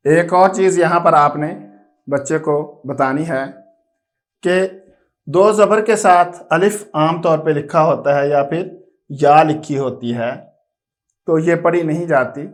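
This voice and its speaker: Brief: male Quran reading teacher with a Pakistani Urdu accent and a slightly high voice, slow chanted drills. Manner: chants syllables slowly, then explains briskly to parents. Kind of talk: slow drilled recitation lesson.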